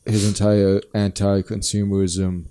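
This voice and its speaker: A man's voice: on the low side, level tone, a little slow, mellow, clear, resonant tone. A man with a northern German accent, co-hosting a casual podcast chat and rambling through his points with lots of fillers and restarts. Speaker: podcast co-host.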